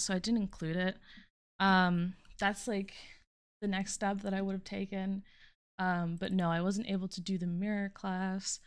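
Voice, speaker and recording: A young woman with a medium-pitched voice presents like a student explaining her own technical work. Her delivery is informal and hesitant, halting as she thinks aloud. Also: clean tone. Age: young adult. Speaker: student presenting a programming project. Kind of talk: informal screen-recorded code walkthrough.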